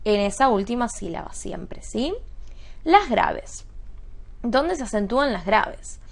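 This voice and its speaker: A woman teacher giving a spoken grammar lesson, explaining step by step and checking understanding with quick questions. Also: on the high side, expressive, creaky.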